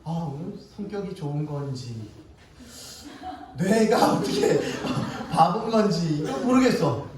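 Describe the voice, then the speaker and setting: Echoey distant pastor preaching. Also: male voice, high voice. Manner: animated storytelling with a laugh in his voice. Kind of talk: sermon. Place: church sanctuary. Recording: echoey church hall from far off, faint noise.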